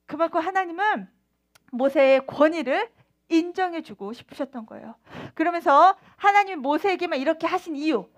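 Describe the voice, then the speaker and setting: A woman's voice: extremely high pitch, lively intonation, normal speed. A woman giving a sermon to children as their preacher, quizzing them and acting out the scenes as she goes.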